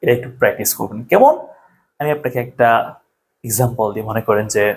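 A man's voice: on the low side, expressive, quick pace, vocal fry, darkish tone. A man teaching an English grammar lesson, explaining step by step and checking in with the viewer often. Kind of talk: Bengali-language grammar lesson.

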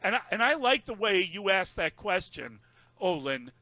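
An emphatic male radio host weighs in on the postgame show. His voice is high and bright, and the sound is close and dry. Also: sing-song, moderate pace, no echo. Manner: emphatic, pointed opinions.

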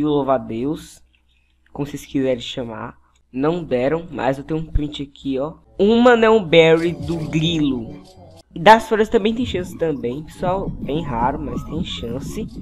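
A gaming YouTuber with a Brazilian Portuguese accent, giving an upbeat game tutorial and constantly addressing the viewers, with faint music behind. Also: mid-range voice.

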